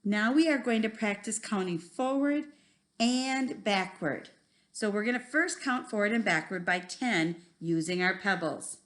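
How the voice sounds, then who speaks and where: A woman's voice: mid-range voice, lively intonation, unhurried, a bit bright. A woman teaching a first grade lesson, talking simply and encouragingly to children like a kids show host. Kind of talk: instructional math video lesson for young children.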